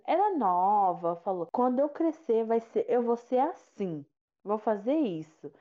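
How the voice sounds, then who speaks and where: A podcast co-host in her late twenties chats casually, friendly, teasing, and reassuring by turns. Her voice is a little high, very animated, and a touch slow, and the recording sounds dull and lo-fi.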